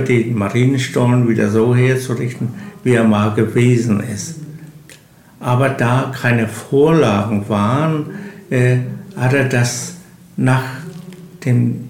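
An older retired man from eastern Germany telling of his work in an interview, haltingly, searching for words. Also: mid-range voice, creaky, a little mellow. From village in eastern Germany. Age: 60s or older, retired. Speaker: local village chronicler, interview guest. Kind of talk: unhurried interview storytelling. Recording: roomy, echoing interview recording.

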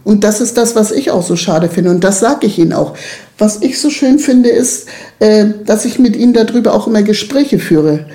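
A woman's voice: medium pitch, lively intonation, moderate pace, dark tone. A middle-aged woman leading a children's club, talking earnestly and emphatically in an interview, often checking in with "ne?". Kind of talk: interview conversation.

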